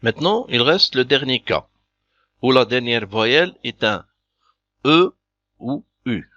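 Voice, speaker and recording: A man's voice: mid-range voice, animated, takes it slowly, fairly bright tone, no echo. A man teaching a beginner language lesson, patiently working through example after example. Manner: patient, methodical, repeats examples. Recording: dull lo-fi dry recording.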